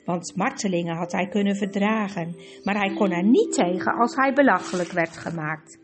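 A woman reading a storybook aloud in a lively, expressive way. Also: mid-range voice, normal speed, over music. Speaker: narrator.

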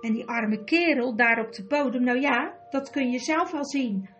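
A woman voicing a bold, quick-witted young boy in a storybook reading, urgent and commanding. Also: sits high, a bit bright, dull audio, faint music behind. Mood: explaining.

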